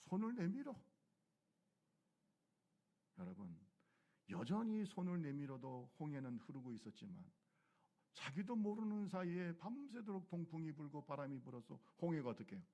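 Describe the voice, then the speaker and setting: A male pastor delivering a sermon in a fairly high voice. His delivery swings sharply, sinking to quiet, low murmurs and then climbing to loud, urgent cries. He keeps asking the congregation questions and leads them in repeating phrases. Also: very animated, moderate pace, pauses often.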